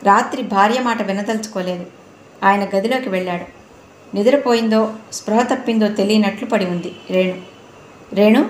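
A woman reads a novel aloud in a steady, measured narration at an ordinary middle pitch. Her voice carries a roomy echo, with a faint hiss underneath. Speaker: audiobook narrator. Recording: roomy room, faint noise.

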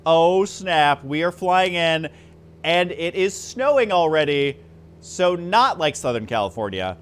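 A chatty man gives let's-play commentary, reacting and joking as he goes. His fairly high voice swings widely in pitch, with quiet game music playing underneath. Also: big pitch swings, measured pace. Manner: chatty, reacts and jokes while reading game text. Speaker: gaming YouTuber.

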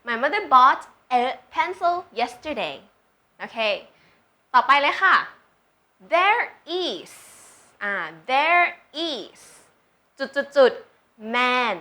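Patient and unhurried, this woman tutors English in a high, bright voice, using example sentences. She draws out words for learners to echo and checks their grasp with questions.

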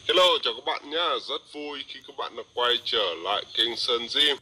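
A man's friendly greeting is played back slowed down, which drops his voice deeper. The tone stays very bright and sharp. A faint hiss sits under it. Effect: playback slowed down, pitched deeper. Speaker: tutorial host.

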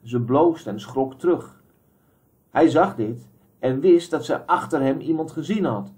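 A man reading a literary audiobook in a measured, calm way. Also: on the high side. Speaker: audiobook reader.

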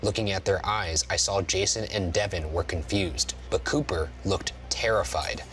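A young man hosting a show, reading a horror story in a measured way and chatting wryly in a dark studio. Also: deep voice, a little hiss or hum. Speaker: host and story reader. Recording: music playing underneath.

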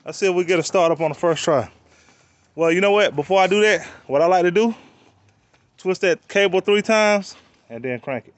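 A man's voice: high-pitched, normal speed, no room sound. Laid-back man vlogging outdoors. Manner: laid-back, slangy, rambling. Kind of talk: casual walk-around vlog. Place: outdoors on a rural property.

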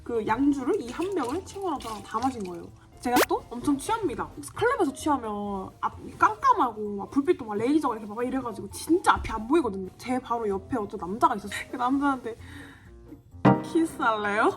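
A young woman in her twenties tells a story while doing her makeup, chatty and animated, and acts out what people said. Her voice is fairly high and swings up and down a lot. Soft music plays faintly behind her. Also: a little fast. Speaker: beauty vlogger.

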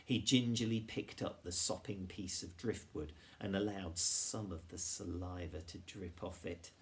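A man reading a children's storybook aloud in a measured, expressive way. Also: sits low, slight background noise. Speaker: reader.

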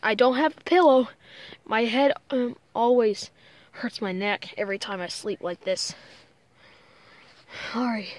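Slow-talking anxious woman vlogger. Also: fairly high pitch, a little hiss or hum. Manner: anxious, apologetic, frequent sighs and exclamations. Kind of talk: casual vlog narration to viewers.

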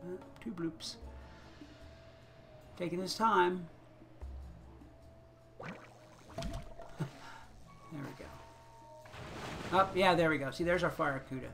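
Chatty man with a gravelly bright voice. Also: sits high, slow, pauses often, soft background music. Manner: chatty, chuckling often, thinks aloud. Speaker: gaming channel host. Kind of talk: casual gameplay commentary.

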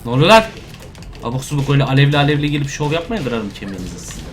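Excitable young man shouting over a game. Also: mid-range voice, very fast, soft background music. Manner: excitable, trash-talking, bursts of shouting. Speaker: gameplay commentator. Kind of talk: casual let's-play commentary.

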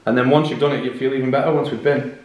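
A man's voice: mid-range voice, fairly even intonation, rapid-fire. A man chatting casually, talking in an encouraging, matter-of-fact way. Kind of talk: casual chat. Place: bright open kitchen, indoors. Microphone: camera on the table. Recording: echoey room.

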